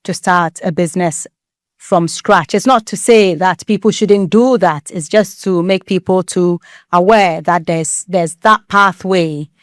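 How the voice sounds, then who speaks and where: Smooth-voiced woman hosting a podcast. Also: on the low side, a little slow, no room sound, clean studio sound. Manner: encouraging, frequent affirmations. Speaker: podcast host. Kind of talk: interview hosting.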